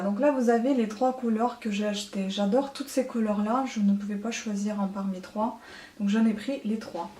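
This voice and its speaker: A woman talking casually through a makeup haul as a beauty vlogger, chatty and often filling pauses with hesitations. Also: mid-range voice, a little mellow, slight background noise. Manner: chatty, many hesitant fillers. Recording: echoey room.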